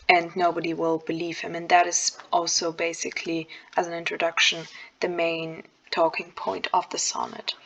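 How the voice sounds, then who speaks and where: A young woman giving a casual lesson on verse, pausing on fillers and correcting herself as she goes. Her voice sits on the lower side, and her intonation barely rises or falls. She sounds like a student sharing her own study method. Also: creaky, pushed and bright, poor audio. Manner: thinking aloud, with frequent fillers and self-corrections. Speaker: student explaining a poem. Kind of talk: casual explanatory lesson over slides.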